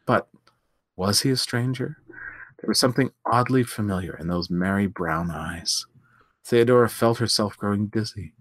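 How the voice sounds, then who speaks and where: A man, the host, reading a story aloud in a measured, expressive way. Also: lowish voice, no room sound, clean studio sound.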